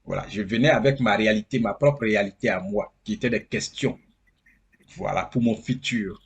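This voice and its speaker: Earnest husky man. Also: on the low side, normal speed. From Côte d'Ivoire. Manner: earnest, repeats phrases for emphasis. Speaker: interview guest. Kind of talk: casual interview.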